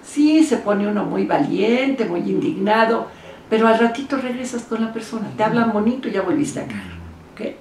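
A woman therapist, giving relationship advice in an animated way and acting out the voices she quotes. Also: fairly high pitch, normal speed, slight background noise. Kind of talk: advice talk to camera. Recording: roomy echo, speaker far from mic.

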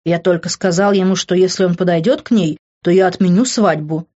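A woman's voice: fairly low pitch, brisk, mellow, lo-fi sound, close to an everyday voice. A woman reading the lines of a guilty, defensive middle-aged man who sighs. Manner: sighing, defensive.

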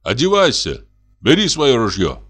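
A man's voice: mid-range voice, wildly swooping pitch, a little slow, a bit bright, slightly rough, pitched above the performer's own voice, heavily acted. A man reading an audiobook voices a bold, impatient male hunter who gives brusque commands. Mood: urging impatiently.

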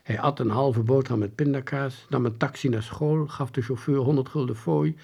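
A man reading a children's book aloud in a lively storytelling manner. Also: normal speed, gravelly, husky. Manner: lively storytelling with varied pitch. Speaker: audiobook reader. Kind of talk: scripted narration of a children's book.

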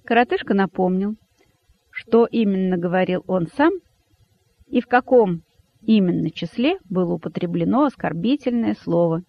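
A man with a high voice reads a satirical fable, measured and dry in manner. The recording is dull and lo-fi, with no room echo. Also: vocal fry. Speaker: audiobook narrator. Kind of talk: audiobook narration of a satirical fable.

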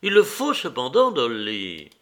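A man reading a classic novel aloud, voicing a remorseful husband who pleads slowly, near tears. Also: medium pitch, wildly swooping pitch, fairly bright tone. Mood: pleading. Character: remorseful, tearful unfaithful husband.

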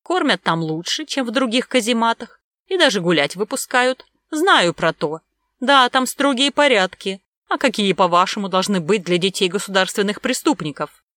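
A woman's voice: mid-range voice, animated, moderate pace, a bit bright, no room sound, natural voice. Rich: A cold, stern official man who lectures and lays down the law without pity, played by a woman narrator. His voice sits a little raised and firm, set close and dry. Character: stern cold male government clerk.

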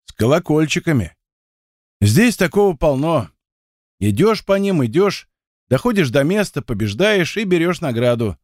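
A man's voice: fairly high pitch, sing-song, no room sound, studio quality. A man reading the part of a boastful young male dancer who spins tall tales and takes offence easily. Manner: boastful, quick to take offence.

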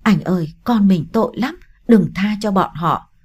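A woman's voice: mid-range voice, normal speed, a little mellow, breathy edge, natural voice. A woman voicing a hostile, melodramatic young woman in an audiobook story. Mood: sobbing. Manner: accusing, melodramatic. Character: hostile, histrionic young woman, scheming and shrill. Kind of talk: audiobook character reading.

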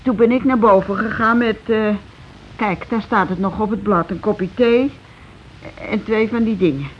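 An actress plays a shaken, plain-spoken working-class housewife circling grim news in naturalistic radio play dialogue, dazed and matter-of-fact. Her natural, medium-pitched voice comes haltingly, repeating and breaking off mid-sentence, on a muffled, somewhat noisy old recording.

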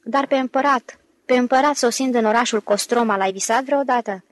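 A woman's voice: on the high side, no echo, natural voice. Brief: fussy, frightened old man in an audiobook, exclamatory and lamenting, read by a woman. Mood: eager. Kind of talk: audiobook character reading.

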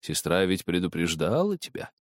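A strict father with a low, cold and stern voice, as a man puts him on. he delivers his lines firmly in a dry, close sound. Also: sing-song, normal speed, no echo.

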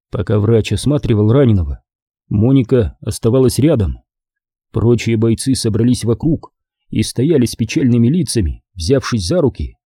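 A man reads a horror audiobook at a measured, steady pace. His voice is very dark and husky. The sound is close and dry, with no room around it. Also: mid-range voice, no echo. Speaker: audiobook narrator. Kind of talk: scripted narration.

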